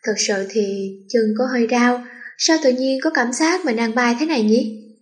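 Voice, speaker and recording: A woman narrating a first-person story aloud, with a playful, lively delivery that gives the characters in the dialogue their own voices. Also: fairly high pitch, normal speed. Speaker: audiobook reader.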